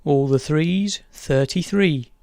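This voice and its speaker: A bingo caller announcing numbers in measured, formulaic set phrases. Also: medium pitch, dark tone, no room sound, clean studio sound.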